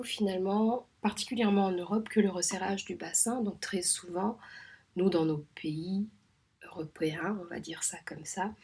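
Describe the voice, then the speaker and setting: Soft-spoken midwife from Réunion, husky voice. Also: female voice, lowish voice. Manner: soft, measured, often half-whispered with many hesitations. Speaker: home midwife. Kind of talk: reflective spoken monologue.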